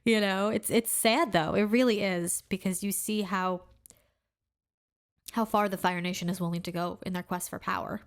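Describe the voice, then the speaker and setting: Woman, mid-pitched voice, chatty podcast co-host, laughs often. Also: fairly even intonation, moderate pace. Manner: chatty, laughs often, many "like"s and "you know"s. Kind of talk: casual chat.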